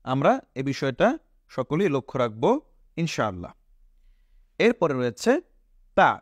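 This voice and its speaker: A man with a Bangladeshi Bengali accent, teaching Quran letter pronunciation step by step, asking questions and answering them himself and drawing out each sound slowly. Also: mid-range voice, sing-song, no echo, studio quality. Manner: slow, patient, repeats each letter sound drawn out.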